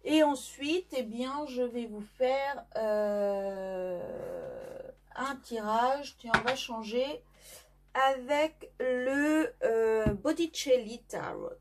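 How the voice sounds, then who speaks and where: A woman's voice: a little high, drawn-out words, a little hiss or hum. A French woman giving a casual tarot reading, chatty and hesitant with many fillers and restarts. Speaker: tarot reader. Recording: faint background music.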